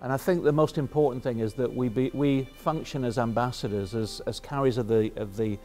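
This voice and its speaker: A man speaking fervently in a documentary interview, with halting restarts. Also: medium pitch, darkish tone, soft background music.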